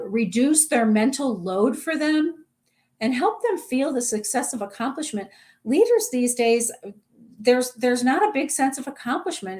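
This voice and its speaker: A woman's voice: on the high side, a little mellow. A middle-aged woman executive coach talking directly to other coaches in a short advice video, earnest and plain-spoken. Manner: earnest, direct, conversational with small restarts.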